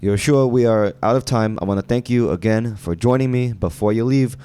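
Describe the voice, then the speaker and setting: A man's voice: fairly low pitch, fairly quick, mellow, clear, resonant tone, no room sound. A man hosting a podcast interview, giving short encouraging replies. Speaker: podcast host.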